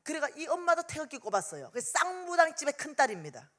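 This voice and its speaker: A fast-talking woman with a high voice and a Gyeongsang Korean accent delivers a revival sermon, bringing a story to life by performing the characters' lines with animation.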